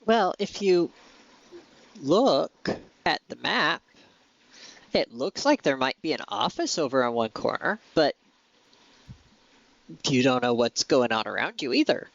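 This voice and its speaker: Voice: mid-range voice, very animated, measured pace, vocal fry, pauses often, no room sound, highs cut off. A game master describing the scene and calling for skill rolls in a tabletop game.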